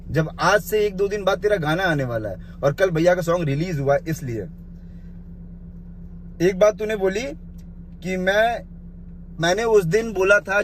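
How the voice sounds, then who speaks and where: A man with a noticeably high-pitched voice goes through a rival's claims point by point in a heated vlog rant. He scolds bluntly, speaking to the other man directly with the informal "you.". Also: a little hiss or hum. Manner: scolding, addresses the listener with the blunt informal 'you'; point-by-point rebuttal. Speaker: vlogger responding to a rival's live video. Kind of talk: confrontational rant to camera.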